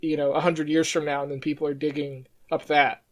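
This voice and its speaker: A man's voice: a little high, little pitch movement, a little fast. A man hosting an interview in a casual, rambling way, stammering and laughing between thoughts. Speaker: podcast host.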